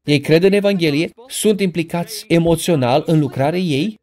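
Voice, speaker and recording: Passionate higher-pitched male preacher. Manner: emphatic, rises to loud passionate peaks when quoting; addresses the congregation directly with questions. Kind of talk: sermon.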